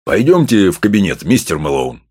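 Man doing a big gruff professor, low growly voice, bossy and teasing. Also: very animated, brisk, darkish tone, no echo, studio quality, exaggerated voice. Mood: gruff mocking. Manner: growling, mocking. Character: gruff hulking middle-aged professor, domineering.

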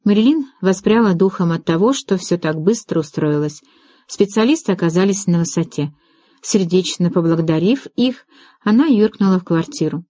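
A woman narrating an audiobook in an even storytelling manner. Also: lowish voice, moderate pace, no room sound, studio quality. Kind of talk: scripted narration.

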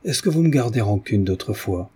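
A man's voice: on the low side, animated, a little fast, warm tone, slightly rough. A man reading aloud and voicing a coquettish, anxious young wife who pleads tenderly with her husband. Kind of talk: audiobook reading.

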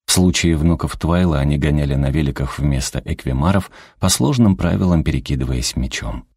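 A man narrating an audiobook in an expressive, lively storytelling manner. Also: rumbling low, a little fast, husky, no echo, studio quality.

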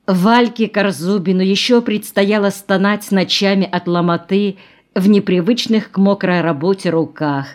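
A woman narrating an audiobook novel in a calm, even storytelling manner. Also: medium pitch.

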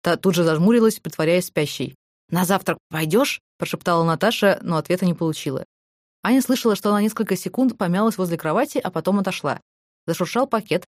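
A woman narrating a novel as an audiobook in a brisk, even storytelling manner. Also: on the low side, no room sound, studio quality. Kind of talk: scripted narration.

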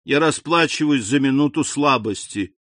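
A man voicing an anxious, remorseful middle-aged innkeeper who pleads in a hurried confession in an audiobook. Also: mid-range voice, a bit bright, no room sound, natural voice. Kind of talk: audiobook character voice.

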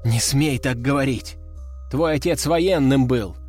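A man's voice: medium pitch, unhurried, a little mellow, soft background music, lightly acted. A man voicing a weary, reproachful middle-aged mother.

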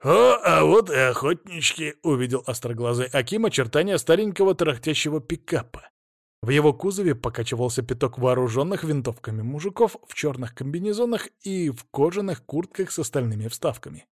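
A man reads a first-person fantasy audiobook with brisk, lively storytelling. His voice sits a little high for a man and is captured close and dry, with no room sound. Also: no room sound. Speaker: narrator.

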